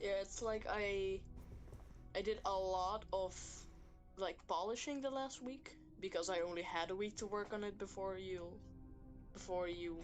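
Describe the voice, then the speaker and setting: This guest collaborator, a woman game developer, keeps things loose and informal, dropping filler words such as "like" as she chats. Her pitch is medium, her intonation fairly even, and her pace a little slow, while music plays underneath.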